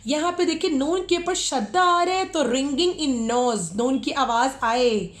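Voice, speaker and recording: A woman teaching tajweed in a lesson, chanting verses slowly and melodically, then explaining the rules in quick speech. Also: high-pitched. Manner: slow melodic recitation, then rapid explanations. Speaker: Quran recitation teacher.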